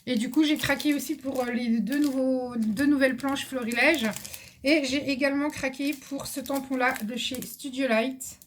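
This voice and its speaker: A woman's voice: sits high, steady tone, normal speed, slight background noise. A woman chatting casually to viewers about her craft purchases, hesitant with many fillers, now and then talking to a helper beside her. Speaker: craft vlogger. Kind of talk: casual haul video chat.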